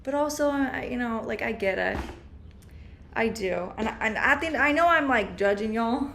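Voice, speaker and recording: Her voice leans high, a bit bright and expressive, at a normal pace, with faint background noise. She's a young vlogger rambling casually and self-consciously in a video journal captured on her laptop's mic at home.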